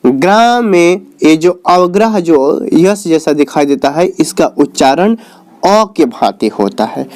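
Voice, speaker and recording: A man teaching a lesson at an unhurried pace, his voice warm and dark. He quizzes the viewer and then answers himself, stretching out each answer in a lower, slower tone. He talks to the viewer in a friendly, familiar way. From Bihar, India. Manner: asks questions and answers them himself, calls the viewer "babu". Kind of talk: recorded classroom lesson.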